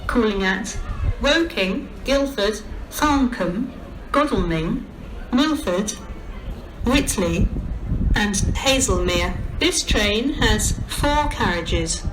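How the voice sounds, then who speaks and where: A British woman making formal, measured train station announcements, reading out scripted details item by item. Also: medium pitch, expressive, distant mic. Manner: formal, measured, listing stops one by one. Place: large railway station, over public address. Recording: echoey, noisy station tannoy heard from afar. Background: station ambience noise.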